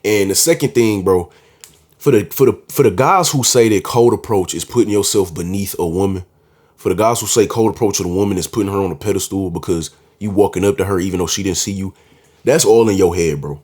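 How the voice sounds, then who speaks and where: A man's voice: sits low, brisk, darkish tone. A man talking casually to camera, giving dating advice in a confident, slangy way and often calling the listener "bro". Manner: confident, emphatic.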